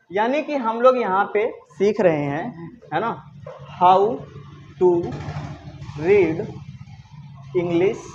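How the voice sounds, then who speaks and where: A male teacher giving a classroom English lesson, lively and coaxing, repeating his questions to the students. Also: high-pitched, muffled recording, slight background noise.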